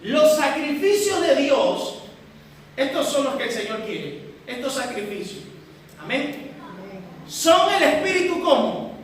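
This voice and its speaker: A woman preacher with a high voice delivers a teaching sermon. She speaks from a distance in a large hall with strong echo. She keeps asking her listeners rhetorical questions and addresses them as brothers and sisters. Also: very animated, slow, long pauses, slight background noise. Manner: asks the congregation rhetorical questions. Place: large echoey church hall. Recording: echoey church hall from far off.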